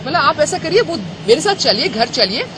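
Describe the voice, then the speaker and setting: A young woman giving an indignant, animated account of an incident, recorded outdoors. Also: sits high, fairly quick, a crowd in the background. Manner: animated, indignant retelling with quoted dialogue. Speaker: complainant. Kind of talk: emotional personal account. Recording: noisy street sound behind.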